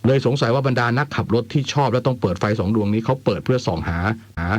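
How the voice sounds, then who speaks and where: In a dry radio studio with no echo, a man hosts a phone-in show, chatting casually, reading out letters and adding wry remarks. His mid-range voice has a darkish tone, and he talks quickly.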